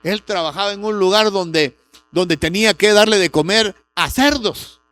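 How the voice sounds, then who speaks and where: A man's voice: high-pitched, moderate pace, a bit bright. A middle-aged man, preaching a sermon with a personal testimony and rising sharply on key words. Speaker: pastor.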